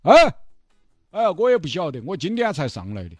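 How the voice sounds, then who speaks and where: A man's voice: on the high side, wildly swooping pitch, moderate pace, no room sound, faint music behind, pitched above the performer's own voice. A man voicing a cranky old village grandfather with a who scolds and teases. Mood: scolding. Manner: scolding, teasing.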